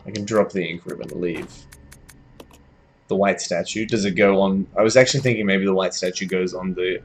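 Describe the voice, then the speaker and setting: While streaming a game, a young man with an Australian accent chats with his viewers, thinks out loud and lets out yelps when something startles him. He talks a little fast in a low voice, keeping the gameplay commentary casual.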